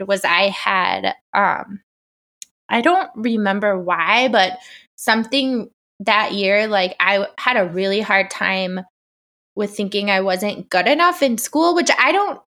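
A woman co-hosting a podcast in casual chat with her sister, chatty and quick to laugh, with a girlish voice. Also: fairly bright tone. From Illinois. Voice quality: high-pitched girlish voice. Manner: chatty, laughs often, many fillers. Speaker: podcast co-host.

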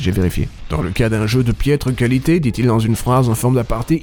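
A man's voice: medium pitch, dark tone. A man narrating a scripted video game review in a dry, wordy and ironic manner.

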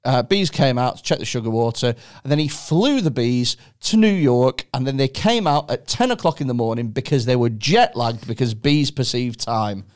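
A man hosting a casual podcast chat, animated and swearing often, with exaggerated reactions. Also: mid-range voice, moderate pace, few pauses. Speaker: podcast host.

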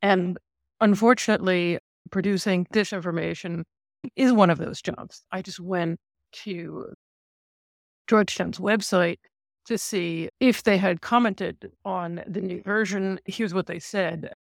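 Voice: medium pitch, steady tone, measured pace, creaky, dry recording, clean studio sound. A podcast co-host who interviewed a researcher, explaining things in a thoughtful conversational way with some restarts.

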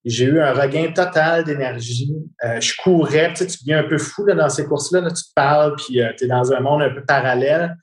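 A man with a Quebec French accent tells a long personal story as a guest, animated and often repeating words while he searches for the next one. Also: fairly high pitch, fairly quick, few pauses. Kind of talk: casual storytelling conversation. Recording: roomy echo.

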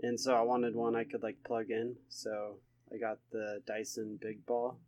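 A man's voice: fairly low pitch, completely flat delivery, a little slow, darkish tone, dry recording. A young man co-hosting a casual podcast, talking eagerly and rambling, with a lot of "like". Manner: enthusiastic, rambling with many likes. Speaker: podcast co-host.

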